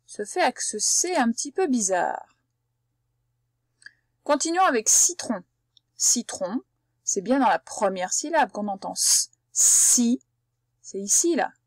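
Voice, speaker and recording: Slow, patient woman teaching reading. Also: fairly high pitch, no room sound. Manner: slow, patient, sounds words out syllable by syllable; addresses the child directly as tu. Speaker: primary school teacher. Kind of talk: reading lesson for young children.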